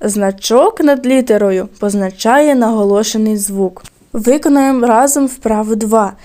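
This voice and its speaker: Slow, deliberate woman teacher, mellow tone. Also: on the high side. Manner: slow, clear teacher's diction, stretching words syllable by syllable. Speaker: primary school teacher. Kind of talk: recorded video lesson for second graders.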